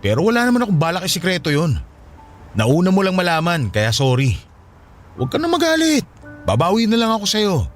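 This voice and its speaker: A man's voice: high voice, huge pitch swings, fairly quick, faint music behind. A man acting in a radio drama as a young man who pleads and keeps asking questions, then apologizes. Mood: apologetic.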